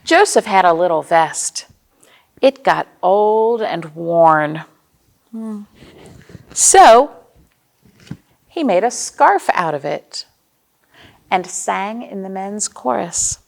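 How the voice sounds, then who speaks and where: Leading a storytime for little ones, this American children's librarian reads expressively, keeps explanations simple, and poses questions to the children. Her mid-range, expressive voice has vocal fry, and she takes it slowly with long pauses.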